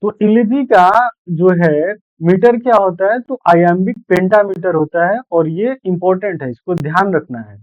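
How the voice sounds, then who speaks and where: A man's voice: sits high, no room sound. A man teaching an exam-prep literature lecture, repeating key points and correcting himself as he goes. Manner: explains in Hindi mixed with English terms, repeats points, self-corrects. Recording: dry, phone-like tinny sound.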